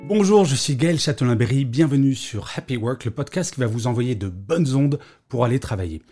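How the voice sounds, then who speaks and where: A man's voice: medium pitch, animated, brisk, warm tone, soft background music. A middle-aged man hosting a solo podcast about work life, talking conversationally and explaining with asides. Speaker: podcast host.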